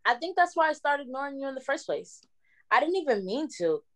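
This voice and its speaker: A young woman playing a remorseful, lonely young woman who speaks in a soft, halting voice in a student play. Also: sits high, very animated. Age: young adult. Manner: soft, halting, self-critical.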